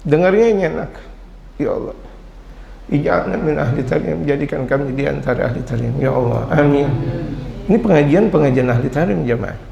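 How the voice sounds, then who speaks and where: A middle-aged man preaching at a religious study gathering, his voice sitting a bit higher than most men's. He tells stories with lively swings, quoting Arabic and then joking in casual speech. A long reverb hangs in the hall around him. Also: a little fast, gravelly, dull audio, a crowd in the background. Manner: animated storytelling, mixing Arabic quotes with casual Indonesian, sudden jumps in pitch. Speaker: Islamic preacher.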